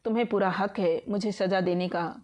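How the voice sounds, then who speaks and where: A woman's voice: medium pitch, steady tone, normal speed, darkish tone, natural voice. Woman reading a remorseful young man begging. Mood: apologetic. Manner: pleading, apologetic.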